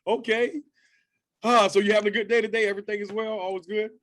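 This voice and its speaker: A man's voice: high-pitched, flat delivery, quick pace, fairly bright tone, no echo. A man in his thirties hosting a casual interview over a video call, upbeat and chatty with a slangy manner. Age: 30s. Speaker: interview host.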